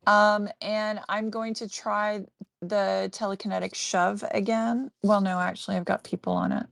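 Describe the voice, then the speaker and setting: A woman playing in a tabletop game, relaxed and casual. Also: mid-range voice, moderate pace, creaky, dry recording. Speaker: player.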